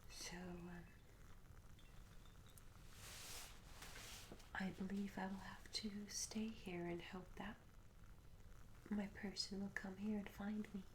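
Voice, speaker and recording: In a soft, half-whispered ASMR roleplay, a woman plays a shy, curious young tavern maid from medieval times, speaking gently and hesitantly in formal, old-fashioned language with a wistful mood. Her mid-range voice stays close to everyday speech, moves little in pitch, and runs a little slow, with background noise and tavern ambience sounds.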